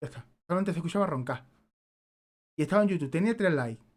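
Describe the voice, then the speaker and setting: A man's voice: on the high side, animated, quick pace, a little mellow. Brief: young Spanish-man streaming a game, loose, rambling and swearing. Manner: rambling anecdotes, repeats himself, swears casually. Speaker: gaming streamer. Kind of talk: casual chat while playing.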